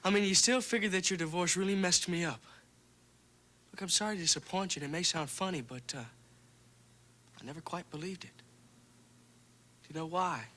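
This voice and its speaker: A man's voice: sits high, a little fast, pauses often, pushed and bright, a little hiss or hum. A man playing a young adult son in a television drama, casual, frank and affectionate with a wry edge. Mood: frank, reflective.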